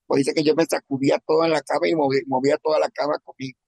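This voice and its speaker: A man from Venezuela telling a personal testimony in a halting, emotional way, often repeating words. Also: on the high side, level tone, creaky, a little mellow, slightly rough, no echo. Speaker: testimony speaker.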